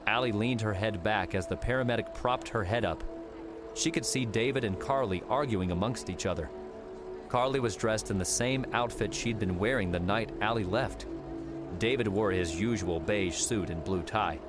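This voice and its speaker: Over a bed of music, a man narrates an audiobook in a lowish voice at normal speed, using a dramatic, scripted storytelling style.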